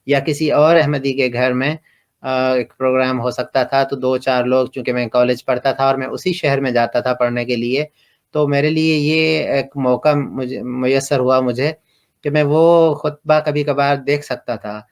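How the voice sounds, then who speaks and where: A middle-aged man from Pakistan, telling his personal story slowly and hesitantly, with many pauses and fillers. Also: medium pitch, steady tone. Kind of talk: reflective personal testimony.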